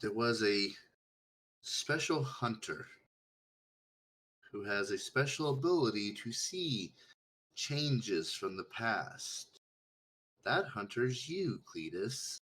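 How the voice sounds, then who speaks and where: Man acting a little gnome girl, low male pitch, blunt, condescending, exasperated, tabletop game, peaking mic. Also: lively intonation, slow, pauses often, a bit bright, low-quality recording. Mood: patronising storytelling. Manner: blunt, condescending, simplifying as if for a child. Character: exasperated, foul-mouthed little gnome girl explaining patiently.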